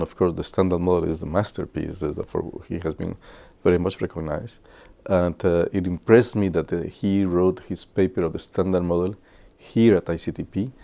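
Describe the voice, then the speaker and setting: Deep gravelly man reminiscing. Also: warm tone. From Guatemala. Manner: halting, with many filler pauses. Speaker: physicist. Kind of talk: reminiscing talk to students.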